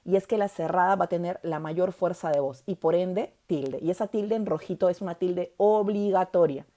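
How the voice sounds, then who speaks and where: A woman's voice: lowish voice, moderate pace, warm tone. A woman teaching a grammar lesson, stressing key words and often checking in with the listener.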